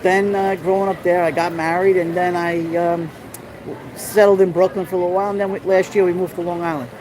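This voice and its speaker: Walking a rainy city street during a festival, a middle-aged New York man talks to his live-stream audience through a handheld phone in a fairly high, flat voice, going a little fast. He rambles amiably on this casual walking tour and greets viewers by name, with loud street noise coming through the phone mic.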